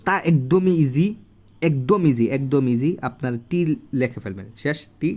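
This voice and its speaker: A man giving a casual handwriting lesson at home, recorded on a phone, slowly repeating each syllable as he writes. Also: medium pitch, lively intonation, darkish tone. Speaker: language teacher. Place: home room.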